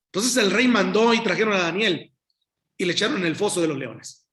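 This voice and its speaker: High-voiced preacher reading scripture. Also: male voice, expressive, fairly quick, a bit bright. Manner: reads scripture aloud and comments to the congregation. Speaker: pastor. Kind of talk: sermon. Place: church.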